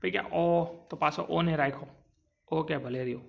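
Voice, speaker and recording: Gravelly-voiced man teaching grammar. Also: on the high side, lo-fi sound. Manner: stretches sounds out slowly, asks and answers own questions. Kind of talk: exam-prep grammar lesson.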